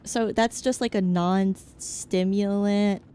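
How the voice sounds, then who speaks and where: A woman's voice: mid-range voice, fairly even intonation, slow, mellow, clean tone. A young woman streaming as a VTuber, chatting casually with her chat in a rambling, frank, joking way that hops from topic to topic. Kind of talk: casual chat, answering chat while gaming.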